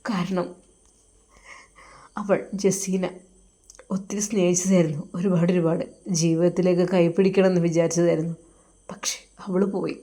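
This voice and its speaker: A woman's voice: lowish voice, little pitch movement, natural voice. Woman voicing a heartbroken young cleric. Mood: grieving. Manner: sorrowful, halting, soft-spoken.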